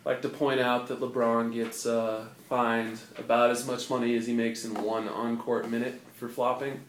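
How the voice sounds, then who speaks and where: A man's voice: medium pitch, level tone, moderate pace, slight background noise. A young man co-hosting a casual sports podcast, with a dry, wry sense of humor. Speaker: podcast co-host. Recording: echoey room.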